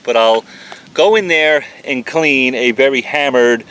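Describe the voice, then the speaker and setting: An auto detailer with a New York accent reviews a cleaning product outdoors, talking fast in a chatty, candid way. His mid-range voice is clean and a bit bright, caught on a camera mic with faint wind, breeze, and outdoor ambience.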